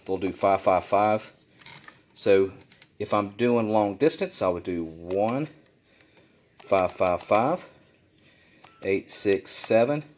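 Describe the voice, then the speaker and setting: An instructor presenting a video, a man with a fairly low voice casually guides viewers through a hands-on demonstration. He lays out each step plainly and frequently repeats it for clarity, recording indoors at a desk with slight hiss or hum.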